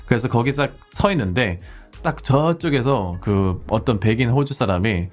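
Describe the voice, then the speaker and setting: A man's voice: mid-range voice, expressive, moderate pace, soft background music. A Korean-born man in his forties teaching English conversation casually, acting out heated street exchanges. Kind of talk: casual English lesson with role-play examples.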